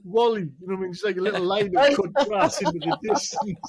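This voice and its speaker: A man's voice: high-pitched, expressive, fast talker, over a noisy crowd. A man hosting a casual gardening chat show, talking in a loose, rambling way. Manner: chatty, keeps asking "do you know what I mean". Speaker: host.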